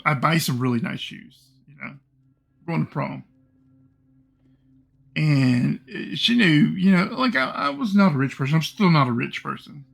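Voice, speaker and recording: A middle-aged man streaming his game and telling a long personal story in a rambling, halting way, full of fillers and swearing. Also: a little high, creaky, fairly bright tone. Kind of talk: casual storytelling while gaming.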